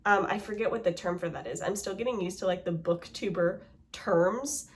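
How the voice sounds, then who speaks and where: A woman's voice: fairly low pitch, moderate pace, a little hiss or hum. Chatty woman book vlogger. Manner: chatty, laughs often, lots of "like". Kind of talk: casual chat.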